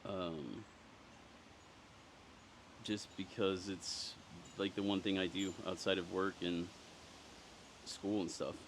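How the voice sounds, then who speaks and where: A man's voice: low-pitched, level tone, slow pace, pauses often, slight background noise. A man in his thirties, an amateur ballplayer, speaking sincerely and thoughtfully in an interview. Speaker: amateur baseball player. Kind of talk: reflective interview.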